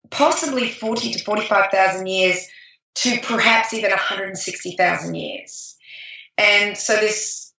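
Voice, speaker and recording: A woman co-hosts a podcast, chatting casually and enthusiastically in a rambling style full of restarts. Her medium-pitched voice is creaky, pushed, and bright. She sits off-mic at a distance, in an echoey room.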